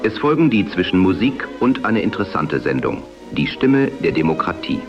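Man, deep voice, 1940s AM radio announcing, formal, measured, muffled vintage radio sound, faint music. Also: big pitch swings. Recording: dull band-limited old radio sound.

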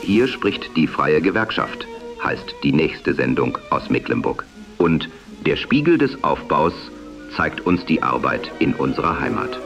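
A man announcing a programme formally and with measured delivery in 1940s AM radio style, with an old radio sound. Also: extremely low pitch, very animated. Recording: dull band-limited old radio sound. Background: music.

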